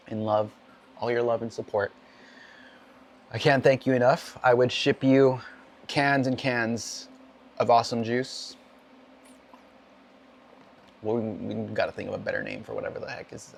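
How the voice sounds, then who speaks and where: A man with a gravelly, creaky voice made hoarse by a cough, chatting loosely to his viewers at the end of a racing stream. He rambles in an upbeat, self-deprecating way. He sits at a home gaming setup with a racing wheel. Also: medium pitch, slight background noise. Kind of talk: casual end-of-stream chat.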